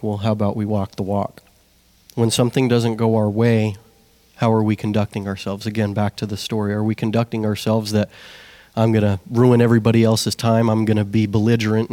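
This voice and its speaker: A man's voice: fairly low pitch, mellow, no room sound. A young man preaching a plain, conversational sermon, putting one question after another to the congregation. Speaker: lay preacher.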